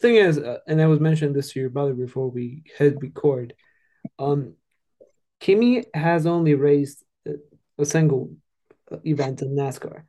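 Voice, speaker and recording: Man with a slightly high voice, hesitant. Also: moderate pace, dark tone. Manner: hesitant, restarts often, steers the topic. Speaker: podcast co-host. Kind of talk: casual chat.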